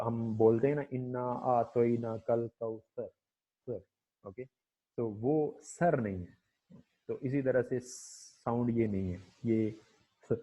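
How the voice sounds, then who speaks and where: A man giving a phonetics lecture, hesitant, filling pauses with "okay" and slowly demonstrating sounds. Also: medium pitch, breathy edge. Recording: muffled lo-fi recording.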